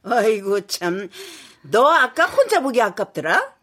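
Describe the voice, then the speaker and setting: A woman's voice: on the high side, very animated, unhurried, fairly bright tone, exaggerated voice. A middle-aged actress playing a blunt, nagging mother who sighs and scolds. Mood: scolding. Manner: sighing, scolding.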